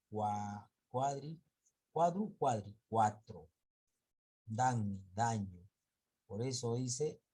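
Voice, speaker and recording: A man teaching an online class, lecturing slowly and haltingly, often stopping to correct himself. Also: fairly low pitch, mellow, breathy edge.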